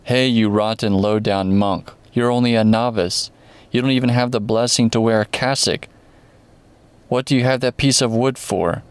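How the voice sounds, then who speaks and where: A man voicing a demon disguised as a policeman, shouting and mocking with sarcasm. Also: medium pitch, steady tone, moderate pace, clear, resonant tone, pitched above the performer's own voice, natural voice. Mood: jeering. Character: demon posing as a jeering male policeman.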